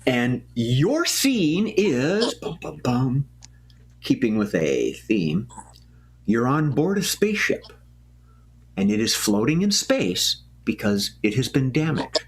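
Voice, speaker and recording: A man emcees a live improv show on a small studio stage, his voice swinging up and down as he calls out games. He clears his throat between announcements. A faint hiss sits under the sound. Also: medium pitch, very animated, takes it slowly. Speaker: improv host.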